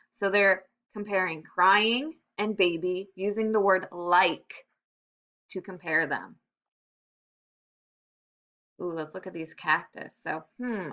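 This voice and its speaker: A woman teacher giving a recorded lesson to young children, upbeat, slowing down to stress example phrases. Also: medium pitch, pushed and bright. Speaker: elementary school teacher. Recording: slightly dull computer-mic sound.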